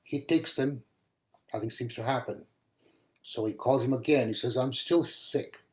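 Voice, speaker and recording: A man's voice: mid-range voice, steady tone, moderate pace. A man telling a joke with quoted dialogue to an online meeting. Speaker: meeting member telling jokes. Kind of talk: told joke. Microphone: video call. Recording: roomy echo.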